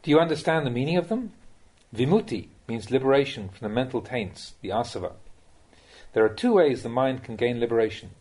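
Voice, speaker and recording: This man, reading a Dhamma talk as a monk, has a medium-pitched, slightly husky voice with a darkish tone. He sounds animated while remaining measured and instructive, addressing the listener directly.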